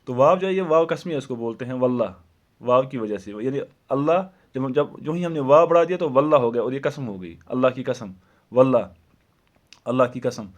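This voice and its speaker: A man gives a grammar lesson at an even, middling pitch. He talks slowly and deliberately, saying each example word twice so it sinks in. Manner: slow, deliberate, repeats example words. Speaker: Urdu teacher.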